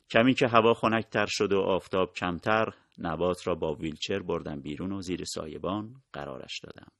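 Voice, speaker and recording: A man reading a first-person story aloud in a calm, measured way. His voice sits very low and carries a gravelly fry. The sound is dry and close to the mic. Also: dry recording. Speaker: narrator. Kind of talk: first-person audiobook narration.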